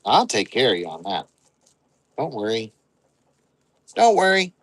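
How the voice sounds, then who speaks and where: A man's voice: lowish voice, wildly swooping pitch, a little slow, a bit bright, dry recording, poor audio. A man hosting an online live sale, rambling and joking as he counts out items aloud. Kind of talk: casual live-selling chatter.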